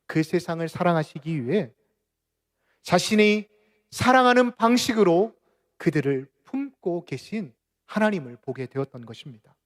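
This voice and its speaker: A man preaching a sermon as pastor of a church, with dramatic swings from loud cries to near-whispers. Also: on the high side. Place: church sanctuary.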